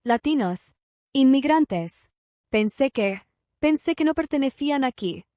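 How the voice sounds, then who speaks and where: Woman reads a hoarse, weak, ashamed old man in a storybook; high voice. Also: expressive, a little slow, dark tone, no room sound, studio quality. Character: weak, ashamed older wealthy man in hospital bed.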